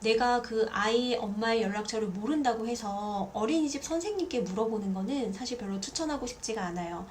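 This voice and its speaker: Casting note: a lively, chatty woman in her thirties giving parenting advice to camera, slightly high voice. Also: a little fast, few pauses, a little hiss or hum. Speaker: parenting vlogger. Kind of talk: casual talk to camera.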